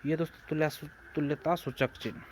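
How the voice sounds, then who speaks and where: A man's voice: on the high side, steady tone, fast talker, slight background noise. A man with a Bihari Hindi accent teaching an exam-prep grammar lesson, asking and answering his own questions as he goes. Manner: repetitive, asks and answers own questions, keeps addressing friends.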